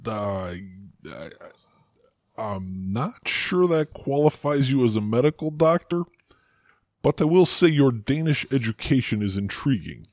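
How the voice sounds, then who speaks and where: Dude doing a pompous stiff interviewer, super formal, voice swoops all over. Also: male voice, mid-range voice, lively intonation, unhurried, no echo, clean studio sound. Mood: skeptical. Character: stuffy, pompous male interviewer. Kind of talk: comedy sketch acting.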